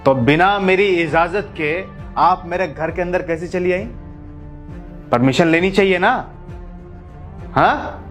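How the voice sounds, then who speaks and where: A man's voice: high-pitched, takes it slowly, pauses often, soft background music. An actor playing a defiant, angry husband who taunts and insults his mother-in-law. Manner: taunting, shouting.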